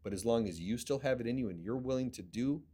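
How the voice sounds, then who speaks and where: A middle-aged man hosting a podcast, telling a personal story in a casual, animated way and often quoting what others told him. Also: mid-range voice, quick pace, slightly rough. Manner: animated storyteller, quotes others in lively bursts. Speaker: podcast host and business owner.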